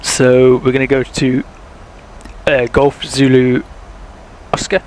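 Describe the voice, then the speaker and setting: A man's voice: medium pitch, completely flat delivery, takes it slowly, low-quality recording. A young man, chatting casually while streaming a flight sim, thinking aloud and talking to viewers, with a sore throat. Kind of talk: casual live-stream commentary.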